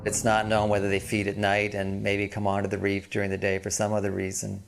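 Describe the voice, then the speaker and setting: A man with a fairly low voice explains research in a nature documentary interview. His intonation stays very flat. Music plays prominently behind him. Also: brisk, gravelly. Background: loud background music.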